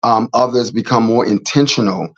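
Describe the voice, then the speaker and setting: A man's voice: mid-range voice, normal speed. A middle-aged man hosting a casual faith talk show, rambling and repeating words as he goes. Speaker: host. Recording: slightly dull, lo-fi sound.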